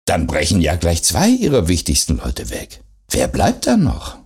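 A man doing a sharp, mocking female interrogator. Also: low voice, wildly swooping pitch, unhurried, husky, heavily acted. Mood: pressing. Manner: pointed, pressing questions.

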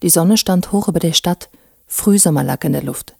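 A woman narrating an audiobook with even, dry storytelling. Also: fairly low pitch, normal speed, gravelly, slightly rough, dry recording. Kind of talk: scripted narration.

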